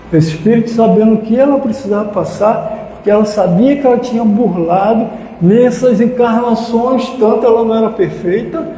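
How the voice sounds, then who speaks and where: A man tells a personal story at a spiritist lecture, turning to his listeners again and again. His voice sits high for a man but has a mellow, dark timbre. The sound bounces around a hall with a long reverb, and a faint hiss runs underneath. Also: vocal fry. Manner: emotional storytelling, addresses audience directly.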